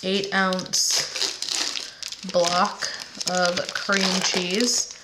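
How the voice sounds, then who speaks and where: A woman with a lowish voice draws out her words in a level tone as she hosts a home cooking channel. She's nasal from a head cold she's shaking off, and her talk is easygoing, rambling and chatty, with many fillers. The home kitchen sounds echoey, and there's faint background noise.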